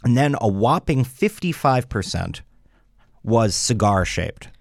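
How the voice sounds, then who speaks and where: A man presenting a mock report in a deadpan comedic radio bit, hesitating and restarting as he reads from his notes. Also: medium pitch, takes it slowly, creaky, no echo, clean studio sound. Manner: hesitant, full of ums and restarts, reading from notes.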